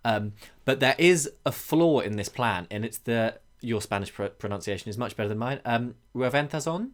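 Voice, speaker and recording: A man co-hosting a wildlife podcast, explaining things thoughtfully with frequent pauses and restarts. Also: lowish voice. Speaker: podcast co-host. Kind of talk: conversational podcast discussion.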